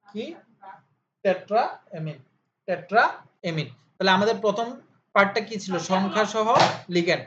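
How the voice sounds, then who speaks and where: This chemistry tutor has a high-pitched, somewhat bright voice, speaking at a moderate pace with frequent pauses. In his informal lesson he quizzes himself aloud and answers, repeating key terms as drills. The recording sounds slightly dull and has a faint hiss.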